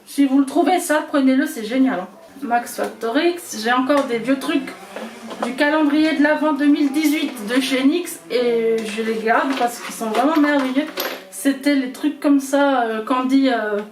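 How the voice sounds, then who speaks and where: A woman with an Alsatian accent talks casually through her makeup as a vlogger, her voice high. She pauses often on fillers. Her voice sounds roomy and a little distant, with clear background noise. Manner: chatty, hesitant with many fillers. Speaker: beauty vlogger. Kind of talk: casual chat showing makeup. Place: small room at home. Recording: roomy echo, away from the mic, noisy.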